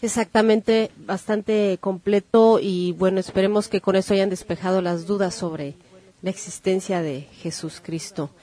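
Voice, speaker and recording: A woman, hosting a podcast and briskly steering her guest. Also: mid-range voice, fairly even intonation, warm tone. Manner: brisk, guiding the interview. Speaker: podcast host. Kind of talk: casual podcast talk.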